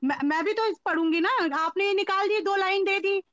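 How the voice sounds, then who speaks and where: A woman's voice: extremely high pitch, normal speed, muffled recording, a loud crowd. A woman calling into a live-stream debate, arguing defiantly. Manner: argumentative, defiant. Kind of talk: heated live-stream argument.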